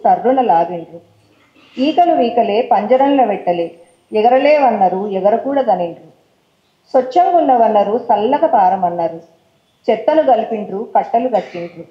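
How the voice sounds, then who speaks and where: A woman's voice: on the high side, lively intonation, normal speed, roomy sound, lo-fi sound. A woman with a Telangana accent, a poet on stage who chats casually between poems and recites her verse in a rhythmic way. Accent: Telangana Telugu. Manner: casual talk mixed with English words. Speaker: poet reading her own work. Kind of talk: poetry recital with chatty introductions. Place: stage at a poetry forum event.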